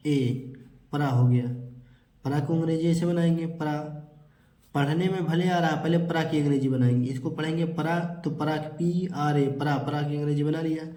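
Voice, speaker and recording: A man's voice: on the high side, mellow, reverberant. A man teaching children a spelling lesson, patiently asking questions and answering them himself. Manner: patient, repetitive, asks and answers his own questions.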